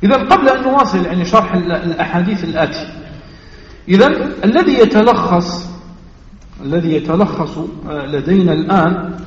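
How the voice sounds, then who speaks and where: Man, Algerian accent, mosque lesson, repeats phrases slowly, distant mic, echoey hall. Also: high voice, lively intonation, lo-fi sound. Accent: Algerian Arabic. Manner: counts aloud and quizzes the listeners with "ha?". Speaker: sheikh teaching a mosque lesson. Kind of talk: religious lesson.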